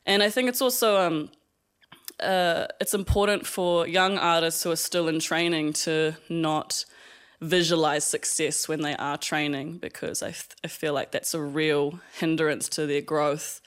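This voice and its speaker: A reflective young man from Fiji, chatting in an interview as an artist. His voice sits fairly high for a man, and he thinks aloud with fillers and soft laughs. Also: fairly even intonation, unhurried, smooth. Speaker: artist guest. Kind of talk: casual interview chat.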